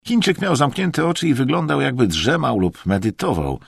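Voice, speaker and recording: A man reading an adventure audiobook in a dramatic, highly expressive way. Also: moderate pace, creaky, slightly rough, no echo, studio quality. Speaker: audiobook narrator. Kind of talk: scripted audiobook narration.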